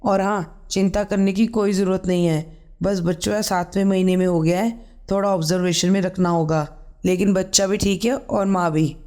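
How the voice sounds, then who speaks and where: A man's voice: sits high, fairly even intonation, normal speed, a little mellow, close to an everyday voice. A man voicing a cheerful reassuring nurse.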